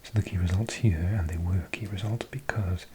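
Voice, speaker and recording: A low-pitched Welsh man in his forties, from Wales, whispers softly as an ASMR host over a noisy background. He slowly reads a list of results and adds chatty asides.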